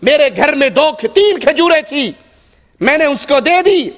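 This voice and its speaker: A man preaching a sermon, telling stories and then building to loud, passionate appeals. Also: very high-pitched, animated. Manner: impassioned, moving from storytelling to shouting appeals.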